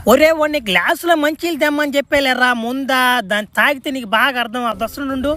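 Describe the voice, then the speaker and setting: A man with a strikingly high voice performs a comic sketch. He talks in crude, slangy banter and keeps breaking into laughter. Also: fast talker, a crowd in the background.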